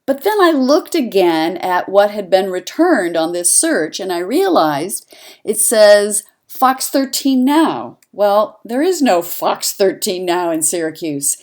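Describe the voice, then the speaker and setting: A woman, a journalism instructor, narrating an instructional lesson in a clear, conversational teaching manner. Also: mid-range voice, sing-song, unhurried, a little mellow.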